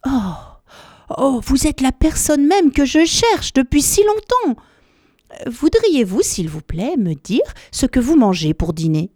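A woman's voice: fairly high pitch, expressive, unhurried, darkish tone, no echo, clean studio sound, voice pushed up. A woman voicing a small, curious young male elephant who asks his questions with eager, pleading politeness. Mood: polite, eager.

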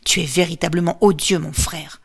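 A woman's voice: lowish voice, fairly even intonation, moderate pace, gravelly, slightly rough. Athéna, woman playing a stern outraged goddess.

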